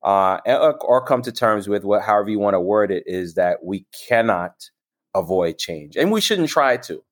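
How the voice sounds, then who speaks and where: A man co-hosting a podcast, chatting in an animated, excitable way that turns reflective. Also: fairly low pitch, moderate pace. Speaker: podcast co-host. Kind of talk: casual podcast chat.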